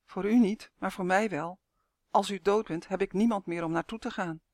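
A man's voice: high voice, normal speed, darkish tone, no echo, clean studio sound. A man reading aloud, voicing a lonely young girl who speaks earnestly and pleadingly.

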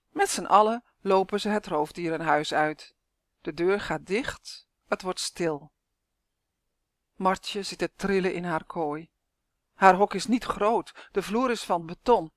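A woman reading a children's story aloud, lively and acting out the characters. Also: mid-range voice, no echo, studio quality.

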